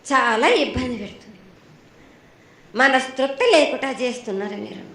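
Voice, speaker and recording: Speaking a little fast in a slightly high, somewhat bright voice, a Telangana-accented woman plays the oracle at the annual festival, her words sounding roomy. She uses a prophetic trance voice, sternly repeating short admonishing phrases.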